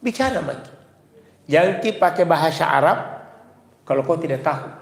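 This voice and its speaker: A man's voice: fairly high pitch, expressive, normal speed, gravelly, roomy sound, in a large hall. A man with a South Sulawesi accent preaching a humorous sermon, chanting Arabic prayers and joking with the women listening. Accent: South Sulawesi Indonesian. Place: mosque.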